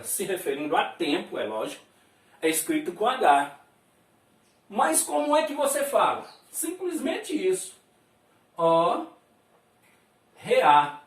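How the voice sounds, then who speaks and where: A Brazilian man teaching a lesson at a board, explaining slowly, drawing out sounds and chuckling often. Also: high voice. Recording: roomy and distant from the mic.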